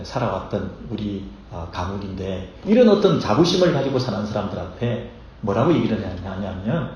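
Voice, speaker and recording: A male pastor delivers a sermon with rhetorical fervor, his pitch swinging widely between hushed asides and raised protests. His voice sounds mellow and rounded. The recording is dull and muffled, and the voice rings through a very echoey church hall. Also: a little hiss or hum. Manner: impassioned, rhetorical, acting out listeners' objections. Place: church sanctuary.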